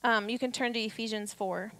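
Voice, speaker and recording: Her voice is fairly high and fairly bright, with a steady tone and a brisk pace, as this woman in her thirties preaches into a handheld mic from a church stage. She urges her audience on, uses rhetorical questions, and acts out quotations.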